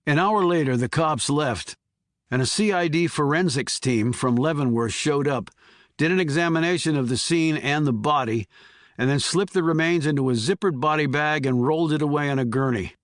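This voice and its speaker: A man narrating a thriller audiobook in a measured, even way. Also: on the high side, no echo, studio quality. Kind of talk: scripted narration.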